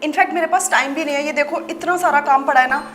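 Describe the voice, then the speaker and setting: A woman's voice: high-pitched, quick pace, close to an everyday voice. An actress playing a principled woman boss who firmly scolds her staff in defense of her husband. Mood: weary. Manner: firm, scolding, reproachful. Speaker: office boss and wife. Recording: echoey room with faint music.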